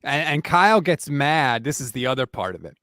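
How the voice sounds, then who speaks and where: A man talking as a podcast guest in casual sports chat, animated as he tells stories and mimics coaches. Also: mid-range voice, brisk, no echo, clean studio sound. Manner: animated storytelling, quotes coaches in their tone. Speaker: podcast guest, team beat writer.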